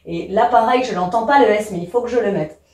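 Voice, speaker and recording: A woman's voice: medium pitch, quick pace, darkish tone. A woman teacher explaining a writing lesson, patient and informal, speaking to the learner directly with many small fillers. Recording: echoey room, voice a bit far from the mic.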